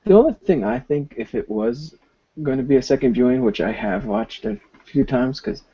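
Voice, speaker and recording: A man's voice: medium pitch, big pitch swings, moderate pace, husky. A man hosting an online group discussion, talking in a rambling, hesitant way. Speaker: host. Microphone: video call. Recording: dull lo-fi voice-call audio.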